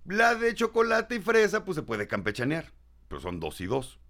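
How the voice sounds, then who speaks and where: Mexican man, host, gravelly, bright, swoops up and down, jokey. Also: on the high side, moderate pace. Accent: Mexican Spanish. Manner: animated, jokey, self-mocking. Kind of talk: comic storytelling chat.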